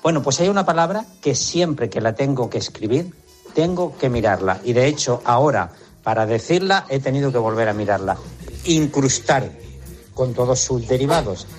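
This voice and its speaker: A man's voice: mid-range voice, animated, a little fast, soft background music. A man calling in as a radio listener, admitting a word he can't spell. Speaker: listener caller. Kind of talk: recorded listener message.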